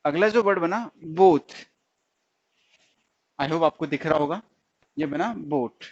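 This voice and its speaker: Man, stenography teacher, slightly high voice, explains step by step, repeats each sound, dull lo-fi recording. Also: slow pace, breathy edge. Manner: keeps checking whether students follow. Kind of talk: recorded lesson.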